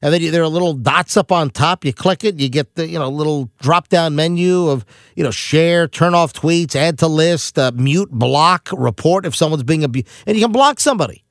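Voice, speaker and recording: A middle-aged man hosting a talk radio show, ranting in a quick, animated monologue full of asides and restarts. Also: on the high side, no room sound, studio quality.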